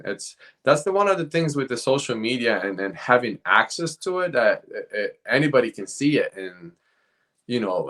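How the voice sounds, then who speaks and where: Low-voiced man, relaxed fitness coach. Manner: relaxed, rambling, often ends phrases with "man". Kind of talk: casual podcast chat.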